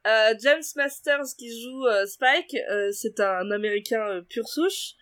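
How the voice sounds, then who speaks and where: A woman's voice: on the high side, expressive, a little slow, a bit bright. A young woman chatting with friends, enthusiastic and gushing, eager to share trivia. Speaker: podcast co-host. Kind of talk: casual chat.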